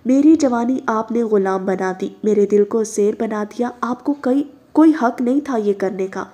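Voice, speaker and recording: A woman reading aloud, voicing a bitter, obsessed young woman who shouts her grievances in pain. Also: fairly high pitch, moderate pace, lightly acted. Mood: bitter shouting.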